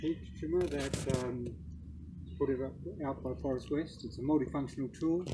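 A man's voice: mid-range voice, fairly even intonation, background noise. An older man with an Australian accent casually demonstrating a garden tool in a suburban front garden, speaking plainly and unhurriedly with frequent ums and uhs, recorded on a camera mic. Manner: plain, unhurried, hesitant with fillers. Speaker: product demonstrator. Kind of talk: casual product demo.

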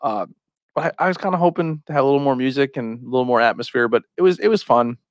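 A quick-talking American man with a mid-range voice hosts a podcast, casually rambling through anecdotes laced with swearing. He's from Pennsylvania and records in a small curtained podcast room on a podcast microphone with headphones, with studio-quality sound and no echo.

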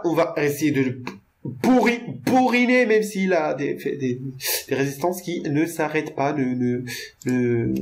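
A young man casually commentating his own video game play, joking, rambling to his viewers and stammering over repeated words. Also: on the high side.

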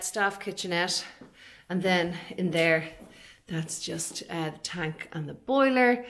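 Her pitch fairly low and her tone a bit bright, this Irish estate agent in her forties talks and explains as she moves through the property. She gives a casual, chatty walkthrough of an empty commercial unit with large, bare rooms.

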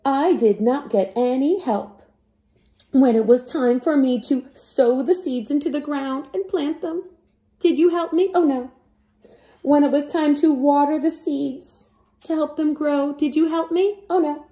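A hardworking little hen, firm and fed up, scolding her idle friends in a storybook reading, as a woman puts her on. The voice is slow, soft and mellow, set a little high, and rings in an echoey room. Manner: scolding, repeating questions with emphasis.

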